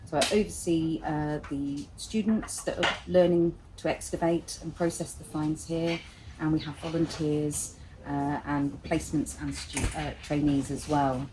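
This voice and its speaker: A woman, the finds manager at a dig, explaining her work in a steady, practical way. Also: low-pitched, a little slow. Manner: steady and practical, with some fillers. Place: outdoor excavation site. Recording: noisy outdoor recording.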